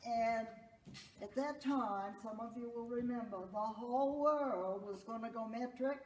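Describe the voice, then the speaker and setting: An older woman speaks slowly to a local gathering, projecting like a schoolteacher through allergy congestion. She tells things in a folksy, informal way. The recording is distant and echoey, with some noise. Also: fairly high pitch, darkish tone. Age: older, around her 60s or 70s. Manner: folksy storytelling with a projected teacher voice. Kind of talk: informal talk to a local audience. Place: indoor public talk in a roomy space. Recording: echoey room, distant mic, noisy, clicks.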